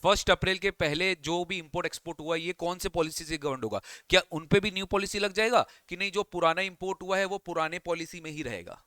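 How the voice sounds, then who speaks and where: Indian english guy teaching exam prep, bit high voice, super dry close mic. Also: quick pace, few pauses, bright, forceful tone, no room sound. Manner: quizzes students often, mixing English reading with Hindi explanation. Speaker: tax lecturer. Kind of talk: exam coaching lecture.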